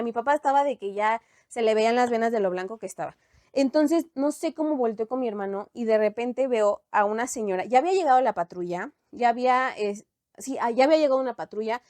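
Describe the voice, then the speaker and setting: A young adult woman with a Mexican accent, telling a story in a lively, slangy, animated way. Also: fairly high pitch, dry recording, studio quality. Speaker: storytime vlogger. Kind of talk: casual storytime chat.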